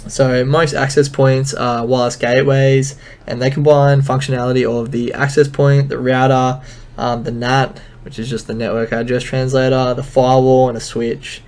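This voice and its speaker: A man's voice: mid-range voice, darkish tone. A man giving a casual technical lesson over slides, explaining loosely with many filler ums. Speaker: instructor.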